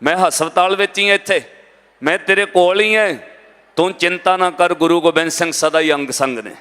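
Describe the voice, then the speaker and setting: A man's voice: high-pitched, fairly quick, pushed and bright, smooth, big-room sound. A man voicing a kindly old woman who soothes a young patient, tender and motherly. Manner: tender, soothing, calls him son.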